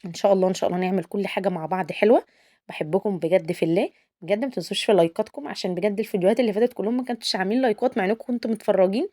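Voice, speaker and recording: A woman's voice: mid-range voice, very fast, dark tone. A young woman with an Egyptian accent, chatting casually to her viewers as she shows her cooking and coaxes them to like the video. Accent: Egyptian Arabic. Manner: chatty, coaxing, addresses viewers as girls. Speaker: cooking channel host.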